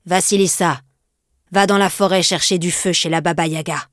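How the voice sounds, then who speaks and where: A woman's voice: fairly low pitch, fairly even intonation, normal speed, dry recording, studio quality, close to an everyday voice. A woman voicing a cruel stepmother who barks orders harshly. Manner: harsh, commanding.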